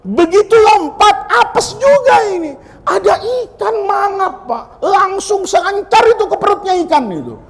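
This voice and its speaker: A man's voice: very high voice, big pitch swings, normal speed. A man preaching a humorous sermon, telling stories and joking with his listeners. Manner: joking, storytelling, addressing listeners as "Pak". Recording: reverberant hall.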